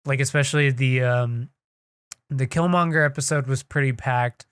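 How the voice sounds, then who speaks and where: Young male podcast co-host, excitable, cursing, dry close sound. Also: medium pitch, clean tone, no room sound. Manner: excitable, swears freely, talks in quick bursts. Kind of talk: casual chat. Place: home studio. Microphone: desk mic on a live stream.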